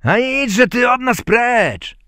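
A man voicing gruff village thieves in a folk tale, snapping their lines. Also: high voice, wildly swooping pitch, slow pace, sharp tone, no echo, studio quality, voice pushed up, heavily acted. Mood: snappish.

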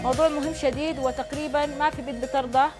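A woman's voice: high-pitched, steady tone, quick pace, over music. A woman with a Sudanese Arabic accent presenting a live TV show in a chatty, congratulatory way. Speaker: TV show host and prize draw presenter. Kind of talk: live TV presenting, reading messages and announcing prizes. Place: TV studio, standing.

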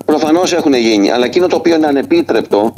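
A man's voice: a little high, lively intonation, noisy background. A man in his sixties, a mayor in a radio interview, answering insistently and defensively with many restarts, speaking into desk microphones in a wood-panelled office.

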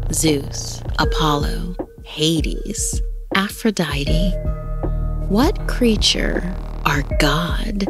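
A woman's voice: sits low, vocal fry. A woman host narrating a horror story in a dramatic scripted style. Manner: dramatic, varying pace with the tension. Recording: faint music bed.

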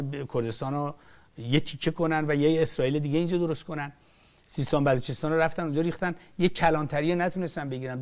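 This older man from Iran, a film director, speaks with a fairly high, darkish voice. His political commentary is passionate, swinging emphatically up and down, with many restarts.

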